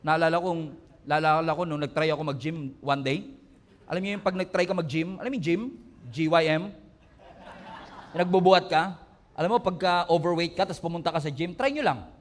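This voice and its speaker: Male pastor with a high voice, animated sermon delivery. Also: brisk. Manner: animated preaching, acts out quoted voices, laughs along.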